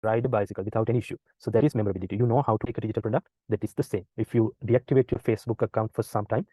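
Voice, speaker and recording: A man's voice: fairly low pitch, fairly even intonation, rapid-fire, warm tone, breathy edge, no room sound. A man giving an online lecture from outdoors, his voice breaking up in a buffering stutter over a phone hotspot, explaining with many "uh" fillers. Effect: buffering stutter from a choppy mobile hotspot connection. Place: outdoors while traveling. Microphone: video call over a phone hotspot.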